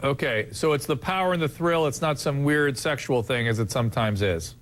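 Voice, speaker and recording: A man hosting a televised panel discussion, earnest and halting, often restarting his sentences. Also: medium pitch. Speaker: TV talk show host.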